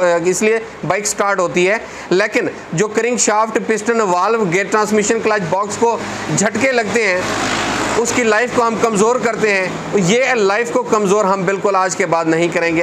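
Earnest mechanic, high voice. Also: male voice, a bit bright, a little hiss or hum. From Pakistan. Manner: earnest, repetitive, hands gesturing. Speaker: motorcycle mechanic. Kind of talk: talking-head repair tips. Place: motorcycle parts shop, indoors. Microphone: clip-on lapel mic.

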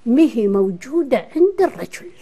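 A woman's voice: high-pitched, very animated, moderate pace, mellow. An older woman with a Kuwaiti accent, talking as a guest in a studio interview. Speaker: interview guest, dialect historian. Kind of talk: conversational television interview. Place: television studio.

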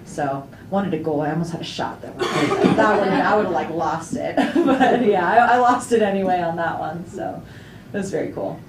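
A woman's voice: lowish voice, normal speed. Upbeat woman in an echoey press room. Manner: chatty, upbeat, laughs often, many fillers. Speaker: retiring soccer player. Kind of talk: post-game press conference. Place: indoor press room before a sponsor backdrop. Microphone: table mic on a stand, camera at a distance. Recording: echoey room, distant mic, faint noise.

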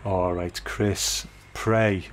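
A man's voice: low voice, fairly even intonation, very slow, a little hiss or hum. A man hosting a podcast, reading a scripted film synopsis. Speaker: podcast host.

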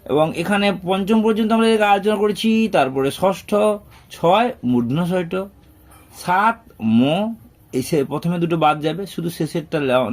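A man gives a classroom lesson for young children. His voice sits a little high, and he repeats and counts items aloud slowly and patiently. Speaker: primary school teacher.

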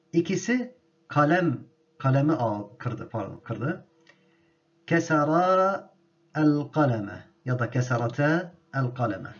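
A male teacher leads a grammar lesson at an unhurried, measured pace, saying each word twice so it sinks in. His voice sits at an ordinary middle pitch. The recording sounds dull and muffled, like lo-fi audio. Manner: slow and deliberate, repeating each word for drilling. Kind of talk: grammar lesson with spoken drills.

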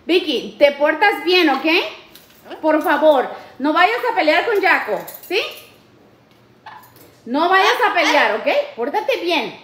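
High-voiced woman in an echoey room. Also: lively intonation, slow pace, long pauses, a bit bright. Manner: playful, coaxing, sings and laughs often. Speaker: parrot channel host. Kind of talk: excited talk to camera and to her parrots. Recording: echoey room with faint noise.

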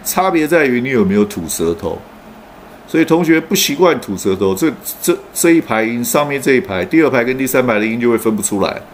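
Lively man teaching pronunciation. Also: mid-range voice, slight background noise. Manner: explains patiently with frequent "oh" fillers, then models words slowly. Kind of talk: online pronunciation lesson.

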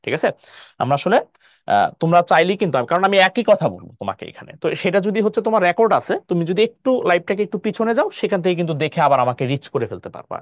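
A male math teacher with a Bangladeshi Bengali accent gives a live online lesson, his pitch rising and falling a great deal. He explains step by step and keeps checking whether the class follows. The sound is dry and close to the mic. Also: very animated, very fast, dry recording.

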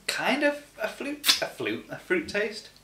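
A man's voice: high-pitched, huge pitch swings, measured pace, pushed and bright, roomy sound. A man in a casual taste-test chat, giggling as he talks with a lollipop in his mouth. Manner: giggly, laughs often. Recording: distant mic, faint noise.

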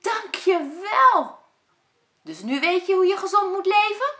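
Bossy, sporty storybook boy, read by a woman, bright and lively, echoey room. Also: extremely high pitch, a little slow, voice pushed up, heavily acted. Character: bossy sporty boy who nags about health.

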